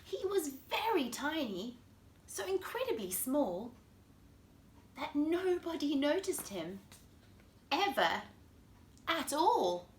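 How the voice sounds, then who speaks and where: Reading a picture book to kids at home in a living room, a woman with a South African accent talks straight to her young listeners with lots of expression. Her high-pitched voice is very animated, slow, and full of long pauses, captured in an echoey space with some background noise.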